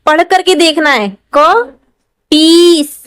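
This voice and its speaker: A woman's voice: very high voice, very slow, fairly bright tone, no echo. A woman, an English teacher patiently spelling out words syllable by syllable in a lesson. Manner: patient, explanatory, repeats and stretches syllables. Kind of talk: slow step-by-step spelling lesson.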